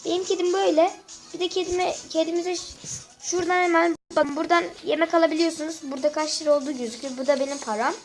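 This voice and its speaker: A woman's voice: very high-pitched, steady tone, fast talker, poor audio. A woman with a sore throat chatting through a casual gameplay walkthrough, constantly addressing her viewers as friends. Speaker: gaming channel host. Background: faint game music.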